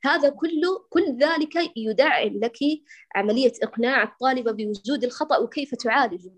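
A woman's voice: high voice, brisk. A woman instructor answering a student's question in a lecture, quoting verses and teaching lines. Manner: instructive, quotes verses and poems. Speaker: Quran recitation instructor.

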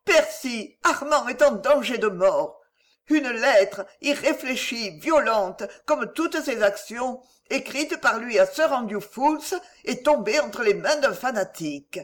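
Woman reading as a young noblewoman, weepy and pleading, high voice that swoops all over. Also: lively intonation, slow pace. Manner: tearful, emotional, pleading delivery. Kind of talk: audiobook character reading.

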